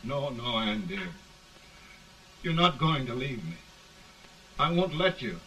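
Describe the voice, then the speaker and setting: An actor playing a young frontier man at his dying sweetheart's bedside, in slow, earnest 1930s film acting, heard through an early talkie film recording. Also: medium pitch, sing-song, fairly bright tone. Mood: pleading. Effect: hissy early talkie film recording. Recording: hissy distant early talkie soundtrack.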